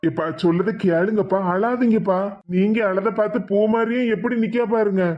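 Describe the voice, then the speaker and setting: A man voicing a calm village uncle with a Kanyakumari Tamil accent who coaxes and soothes in a cartoon. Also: sits high, moderate pace, muffled recording, natural voice. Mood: coaxing. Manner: soothing, coaxing.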